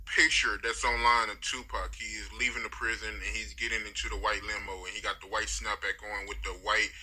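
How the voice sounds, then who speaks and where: A man's voice: fairly low pitch, level tone, a little fast, pushed and bright. A man interviewing, asking brief and direct questions in a casual way.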